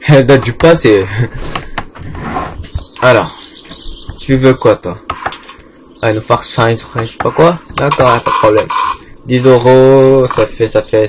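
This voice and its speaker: A man's voice: medium pitch, background noise. A man giving casual, joking commentary while playing a game, talking back to in-game characters and swearing often. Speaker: gaming channel host.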